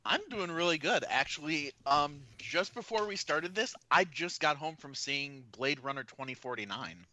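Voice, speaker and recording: A man's voice: on the high side, animated, normal speed, sharp tone. A man guesting on a casual podcast, talking in a laid-back, friendly way. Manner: laid-back, friendly, says dude a lot.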